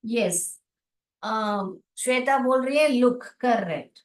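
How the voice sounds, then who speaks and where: A woman runs an online phonics class, sounding out each word in slow, stretched syllables. Her voice sits a little high. She is recorded away from the mic in an echoey room. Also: animated, far from the mic. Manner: slow, drawn-out sounding of letters and words; reads out students' chat answers and praises them. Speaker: English phonics teacher. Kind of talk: online class, explaining in Hindi with English terms.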